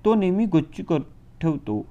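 Guy playing a spoiled bratty boy, whines slowly, mellow voice. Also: sits high, big pitch swings, highs cut off. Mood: whiny. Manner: whining, sulky. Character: spoiled whiny fat boy.

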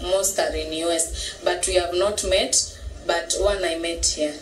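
A woman's voice: lowish voice, steady tone, measured pace. A woman from Kenya with a Kenyan accent, answering questions in a casual street interview. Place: outdoors on a busy city street. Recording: echoey street recording, faint noise.

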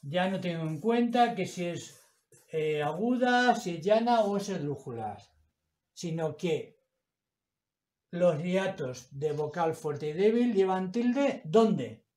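A man teaching a grammar lesson, explaining slowly and stretching out the example words. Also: sits high, expressive, a little mellow. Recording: echoey room.

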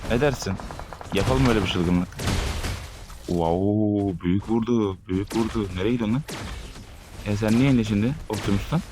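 Excitable young man calling out gameplay. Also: fairly low pitch, fast talker, background noise. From Turkey. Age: 20s. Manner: excitable, swears and bursts out loud at enemies. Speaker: gaming streamer. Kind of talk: live gameplay commentary. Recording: game gunfire behind the voice.

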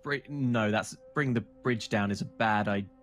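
A man's voice: fairly low pitch, moderate pace, soft background music. A man playing a tabletop game, hesitantly thinking aloud about a plan. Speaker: player. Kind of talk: casual tabletop game chat.

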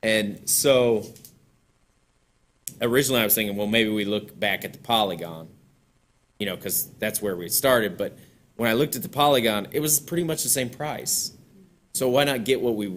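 A man's voice: lowish voice, a bit bright, slight background noise. A middle-aged man presenting at a town board meeting in a council chamber, talking casually and chuckling between points. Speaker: parks director presenting to a board. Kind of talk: public meeting discussion.

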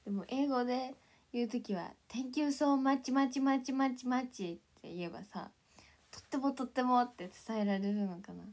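A young woman chatting casually to viewers on a livestream, playful and giggly, sometimes dropping into soft whispers. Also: mid-range voice, normal speed, vocal fry. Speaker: idol livestreamer.

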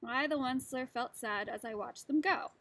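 A woman teacher reads a rhyming storybook aloud to children with expressive, rhythmic delivery. Her voice is high-pitched at a moderate pace, with no room sound.

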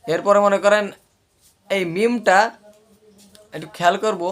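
A man's voice: high voice, steady tone, a little slow. A man with a Bangladeshi Bengali accent teaching Arabic letter pronunciation, repeating syllables in drills and checking whether listeners follow. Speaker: Quran recitation teacher.

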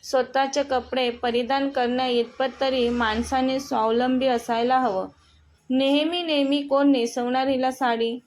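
A woman's voice: sits high, fairly even intonation, a little slow, slight background noise. A woman voicing a stern young husband grumbling in his thoughts. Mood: irritated. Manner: irritated, grumbling inner thoughts. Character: stern young husband, irritated, thinking to himself.

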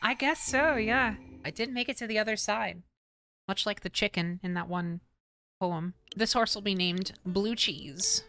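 A woman streaming a game live, chatting and commentating excitably, swearing, squealing and laughing as she plays. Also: mid-range voice, unhurried. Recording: game music playing underneath.

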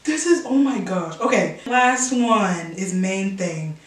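A woman hosting a music reaction video, talking casually and excitedly, swearing often, laughing and singing along. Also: medium pitch, slow. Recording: roomy echo, mic at a distance, music playing. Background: song playing.

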